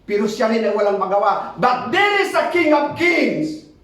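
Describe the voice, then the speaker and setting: Man, sermon, very high voice, booming hall echo, mixes Tagalog and English. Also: very animated, a bit bright. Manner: mixes Tagalog and English, reads scripture aloud; emphatic, swings between fast urging and slow drawn-out lines. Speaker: preacher. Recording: very echoey hall, mic far off.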